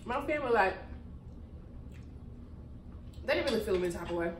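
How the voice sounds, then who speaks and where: A woman's voice: medium pitch, lively intonation, racing, slight background noise. A woman in her twenties, co-hosting a couples channel, chatting casually while she eats. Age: 20s. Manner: laid-back, chatty, talks while eating. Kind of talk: casual mukbang chat. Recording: echoey room, a bit off-mic.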